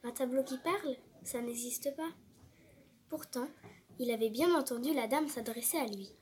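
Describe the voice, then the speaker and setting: A woman reading a children's storybook aloud with expressive narration. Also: fairly high pitch, normal speed, slight background noise.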